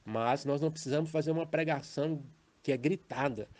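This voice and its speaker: A man with a Brazilian Portuguese accent giving a recorded teaching on preaching, measured and explanatory, often tagging his phrases with a questioning "né" or "tá". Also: fairly high pitch, a little mellow. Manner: measured, explanatory, with frequent "né" and "tá" tags. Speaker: preacher teaching a formation course. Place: home recording for a messaging app.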